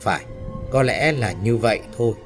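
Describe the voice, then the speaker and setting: A man's voice: medium pitch, lively intonation, normal speed, soft background music, natural voice. A man voicing a frightened, confused young male worker who stammers and cries out in panic.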